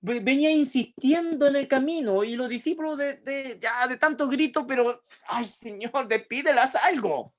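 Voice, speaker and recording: A woman's voice: high voice, moderate pace, hardly any pauses. A middle-aged woman with a Chilean accent teaches a Bible lesson, asking her group questions and acting out the lines of the story. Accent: Chilean Spanish.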